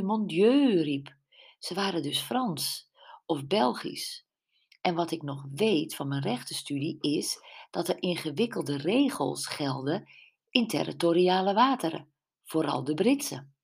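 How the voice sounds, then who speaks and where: A woman reading as a hushed, level-headed friend. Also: deep voice, lively intonation, measured pace, vocal fry, slightly rough, full character voice.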